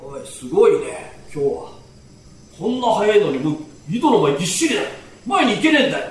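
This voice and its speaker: Rough, excitable Edo townsmen, played by a male storyteller trade slangy banter. The voice jumps up and down with lively swings. It echoes from a distant mic in a hall. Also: high-pitched, a little fast. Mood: chatty. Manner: rough, slangy street talk. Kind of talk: rakugo character dialogue.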